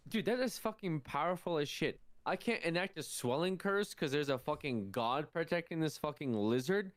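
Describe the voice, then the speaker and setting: A man's voice: fairly high pitch, lively intonation, normal speed, no echo. A man playing an online tabletop game, bantering in casual sweary slang with exasperated, incredulous complaints.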